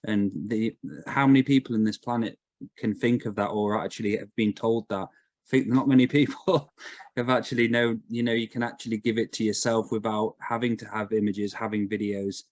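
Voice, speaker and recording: Man, host, casual group chat, rambling filler-heavy questions, low voice. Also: flat delivery, normal speed, a little mellow, dry recording.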